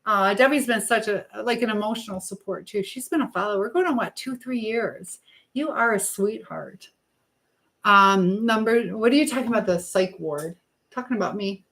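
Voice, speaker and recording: An American woman hosts a livestream from her home kitchen, casually chatting with viewers and reading out and answering their comments while she cooks. Her voice is mid-range and fairly bright, and she talks at a normal speed.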